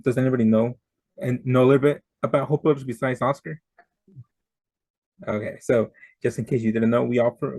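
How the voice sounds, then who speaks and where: A man's voice: mid-range voice, darkish tone, dry recording. A young man, an outreach coordinator, introducing his program on a panel in a casual, easygoing way. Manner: casual, listing.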